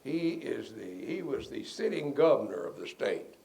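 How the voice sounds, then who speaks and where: Older man, gravelly, relaxed rambling storyteller, mid-pitched voice. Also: normal speed. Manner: rambling, relaxed storyteller who chuckles at his own stories. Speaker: defense lawyer being interviewed. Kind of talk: anecdotal interview storytelling.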